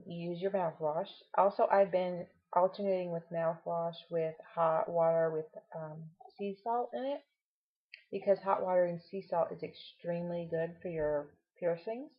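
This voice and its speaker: A woman with a lowish, husky voice talks casually to her viewers, explaining things and offering reassuring advice. Her tongue sounds swollen as she speaks. The recording is dull and muffled, like a lo-fi home video. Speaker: vlogger. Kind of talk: casual personal update to camera.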